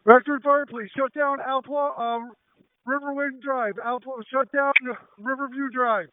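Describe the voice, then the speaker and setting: Urgent, high-pitched male fire commander on radio. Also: steady tone, a little slow, heavy background noise. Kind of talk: urgent firefighter radio traffic. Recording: tinny two-way radio transmission.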